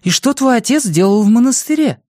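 A worried middle-aged mother, high and swooping, her voice leaping up whenever she scolds or exclaims, as a male reader puts her on. The sound is close and dry, a plain audiobook read. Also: expressive, darkish tone, no room sound. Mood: alarmed. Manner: shrill, emotional, quick to exclaim. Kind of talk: audiobook character voice.

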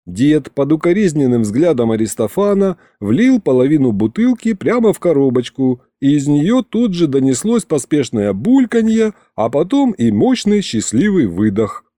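Guy reading an audiobook, mellow voice, really lively pitch, dry close sound. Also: moderate pace, few pauses, dry recording. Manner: expressive, lively storytelling. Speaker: audiobook narrator. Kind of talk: audiobook narration.

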